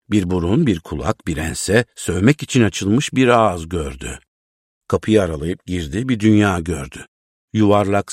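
Deep male narrator, measured literary reading, very dry close sound. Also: a little mellow, dry recording. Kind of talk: storybook reading.

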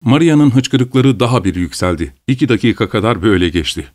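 Low-voiced man reading a story. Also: animated, fairly quick, darkish tone, no room sound, studio quality. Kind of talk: audiobook narration.

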